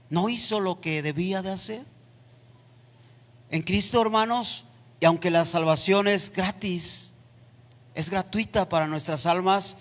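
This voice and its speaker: A man preaching a sermon in a church, building into impassioned, near-shouted passages. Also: high-pitched. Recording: long reverb of a church hall.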